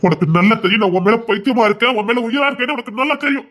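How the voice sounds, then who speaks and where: An insistent, scolding husband. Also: male voice, extremely high pitch, rapid-fire, a bit bright. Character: husband defending himself, pleading then angry.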